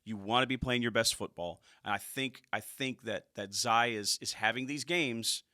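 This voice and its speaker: A man co-hosting a casual football stats show, enthusiastic and quick to laugh, dropping quieter when he reflects. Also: medium pitch, no room sound, clean studio sound. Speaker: co-host of a high school football stats show. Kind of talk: casual sports chat.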